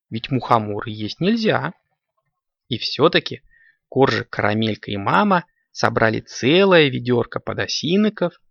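A man narrating a children's audio fairy tale in a lively, expressive reading voice, on a dull lo-fi recording. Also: medium pitch, vocal fry, dry recording. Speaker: storyteller.

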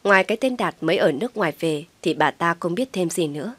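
A woman narrating a family drama story aloud, voicing all the characters herself with louder, more emotional quoted lines. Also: lowish voice, animated, quick pace, slightly rough, no echo. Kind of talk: scripted story reading with voiced dialogue.

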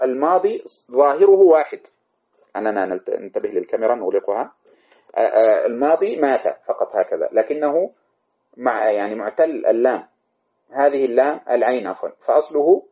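A man's voice: medium pitch, lively intonation, a little fast, highs cut off. Man teaching a classical grammar lesson. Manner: explains step by step, repeats and corrects himself. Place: study room with camera.

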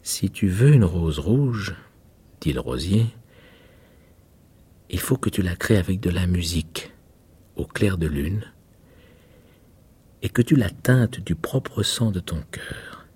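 A man voicing a grave, wintry red rosebush, slow, solemn and at times hushed. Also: low-pitched, slightly rough.

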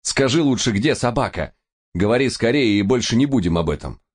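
A man acting out a hot-headed young reporter at the end of his patience. His naturally deep voice is pushed up and loud, and every line lands hard and emphatic. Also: lively intonation, a little slow. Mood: exasperated. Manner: shouting, exasperated, emphatic.

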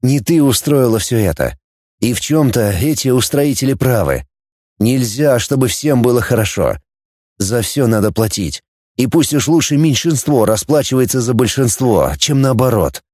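A man's voice: mid-range voice, animated, normal speed, mellow, no room sound, studio quality, natural voice. A man playing a cynical, blunt male outcast who talks in a sardonic, scornful way. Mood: calm.

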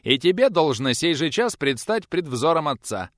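A man voicing a brash, self-important young church servant who shouts his orders. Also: a little high, sing-song, normal speed, dry recording, clean studio sound, voice pushed up. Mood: shrill insistent.

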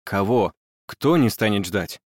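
A man's voice: on the low side, animated, unhurried, dry recording, studio quality, pitched below the performer's own voice. A male narrator voicing an earnest, polite war-veteran lord, talking in his own plain voice. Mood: puzzled. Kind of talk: audiobook character voice.

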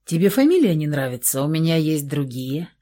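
A cold, curt vampire master, as a woman reading a storybook puts him on gives orders in a low, mellow voice. He keeps his tone icy and commanding. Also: sing-song, brisk. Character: cold, domineering elder vampire brother, a man.

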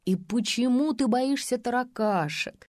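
A woman's voice: fairly high pitch, a little slow, a little mellow, no echo, studio quality, pitched above the performer's own voice, natural voice. A woman reading a teasing, laughing male friend who mocks the narrator. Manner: teasing and mocking.

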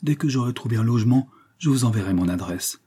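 A man voicing a young grieving noblewoman, husky. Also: mid-range voice, lively intonation, fast talker, warm tone. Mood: tender. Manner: tender, restrained anguish. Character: young grieving woman, a banker's daughter.

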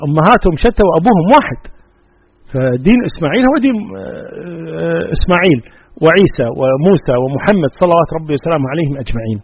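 A man speaks as an Islamic scholar in a religious question-and-answer session, reading out each question before answering firmly. His voice is husky and fairly high, and his delivery races along. The sound is dry and dull, like an old lo-fi radio recording. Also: dry recording. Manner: reads out questions, then answers in a firm, plain way.

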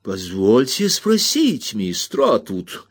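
A man's voice: lowish voice, wildly swooping pitch, slow, husky, heavily acted. A man reading aloud, voicing a cold, haughty middle-aged spinster who speaks in prim, offended exclamations. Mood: affronted haughty.

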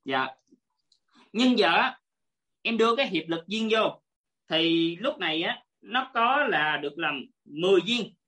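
A woman's voice: lowish voice, animated, a little slow, pauses often, a bit bright. A woman teaching an online class over a video call, politely explaining step by step and repeating her points.

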